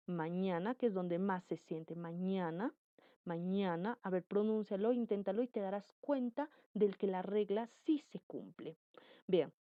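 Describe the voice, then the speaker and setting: A woman's voice: mid-range voice, no room sound. Woman, teacher explaining consonant sounds, repeats each example word, dry muffled recording. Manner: repeats example words slowly, addresses viewer directly. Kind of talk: phonetics lesson.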